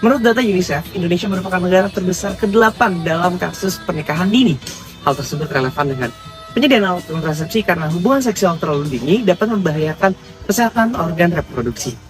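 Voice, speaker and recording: A woman reads scripted narration briskly and steadily. Clear music plays behind her voice. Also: fairly low pitch. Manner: steady reading. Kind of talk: read narration.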